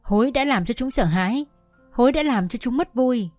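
A woman's voice: a little high, lively intonation, moderate pace, darkish tone, no room sound, faint music behind, voice pushed up, natural voice. A woman reading as a stern, wealthy father. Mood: firm.

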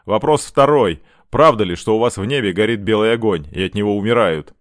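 A man's voice: lowish voice, brisk, no room sound, studio quality, close to an everyday voice. A man voicing a cruel, mocking boy who leads a gang of children, in an audiobook. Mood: taunting. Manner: mocking, taunting.

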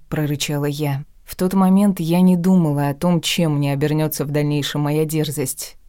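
A woman narrates a first-person audiobook in a low, dark voice. Her reading is even and restrained, with little rise and fall. The recording is close and dry. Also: no echo.

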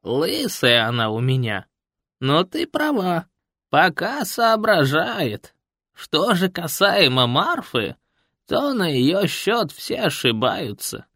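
A man voicing a grumpy, shrewd old village man with a creaky, gruff voice in an audiobook. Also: a little high, big pitch swings, slow, pushed and bright, dry recording, clean studio sound, voice pushed up, heavily acted. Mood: storytelling. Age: older. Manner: folksy, blunt storytelling. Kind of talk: audiobook character voice.

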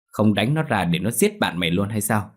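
A man's voice: lowish voice, expressive, fairly quick. A man playing a stern old exorcist. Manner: scolding, commanding.

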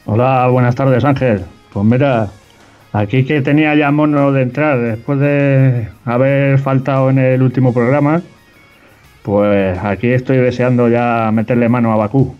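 A man from chats informally as a sports podcast panelist. His pitch is medium, the sound is a little dull and lo-fi, and music runs softly behind him. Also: steady tone, a little slow. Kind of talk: casual chat.

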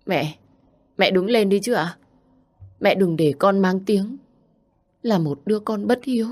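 A woman's voice: mid-range voice, unhurried, darkish tone, voice pushed up, close to an everyday voice. A woman voicing a worn-out young daughter who speaks in an anguished, raised voice. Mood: pleading.

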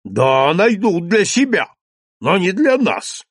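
A man's voice: sits high, huge pitch swings, takes it slowly, slightly rough, dry recording, clean studio sound, voice pushed up, exaggerated voice. A man voicing a blustering burgomaster. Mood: indignant. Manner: blustering, shouting. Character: quick-tempered pompous male burgomaster. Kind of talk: audiobook character reading.

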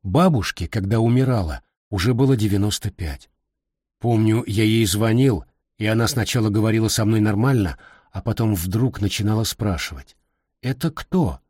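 Husky, measured middle-aged man reading. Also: fairly low pitch, no echo, studio quality. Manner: calm, reflective, measured. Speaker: narrator. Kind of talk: reading a personal memoir aloud.

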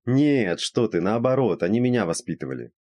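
A man voicing a brisk, skeptical female friend who teases and lectures. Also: on the low side, very animated, darkish tone, no room sound, pitched above the performer's own voice. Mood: teasing.

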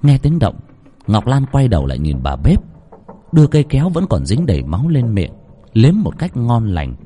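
A man narrating a horror story in an expressive, suspenseful way. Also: medium pitch, normal speed. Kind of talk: dramatic horror story reading.

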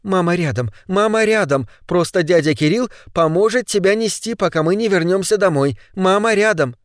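A frightened young mother, put on by a male storyteller, murmuring soft, repeated reassurances. Her voice sits a little higher and quieter than the reader's own, in a close, dry reading. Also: animated, moderate pace, no echo. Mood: soothing. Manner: soft, hushed, repeating soothing words. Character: grieving woman, a frightened mother soothing her child.

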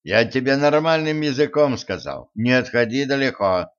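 A man reading a stern, sarcastic immortal man who speaks slowly and low, with dry humor. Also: lively intonation, clean tone, highs cut off, close to an everyday voice. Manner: slow, low, dryly mocking.

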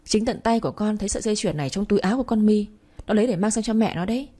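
A woman voicing a stern, angry middle-aged father who shouts and scolds, in a Vietnamese audio story. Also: mid-range voice, very fast, lightly acted. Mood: angry scolding.

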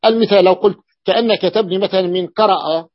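A man teaching Arabic grammar in a classroom lesson, explaining slowly, repeating words and asking his students questions. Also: high-pitched, dry recording, highs cut off.

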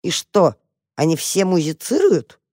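A woman's voice: on the low side, big pitch swings, unhurried, mellow, dry recording, studio quality. A woman voicing a mischievous, curious young mouse speaking slyly. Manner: sly, wondering.

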